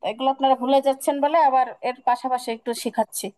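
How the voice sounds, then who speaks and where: A woman teaching Quran pronunciation in an online class, patiently drilling each sound with slow repetition. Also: sits high, fairly even intonation, darkish tone, dry recording, rough recording. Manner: patient, drills sounds by repeating them slowly.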